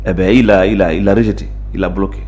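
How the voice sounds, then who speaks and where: Here a local politician with a Senegalese accent talks fast in a low-pitched, darkish voice with fairly even intonation. As the guest in a conversational Wolof-French interview, he explains his stances in an assertive, emphatic manner.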